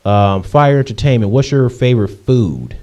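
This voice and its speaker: With a mid-range, darkish voice and lively intonation, a twenty-something Michigander fields viewer questions at a moderate pace in a relaxed vlog. He's chatty and rambling, often saying um and starting over.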